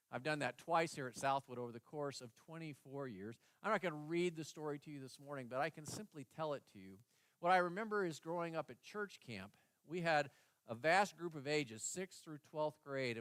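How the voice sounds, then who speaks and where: A man's voice: medium pitch, a bit bright, no echo. A middle-aged male pastor preaching a sermon in a church, telling a parable in an earnest way and giving the story's animals their own voices. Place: church sanctuary.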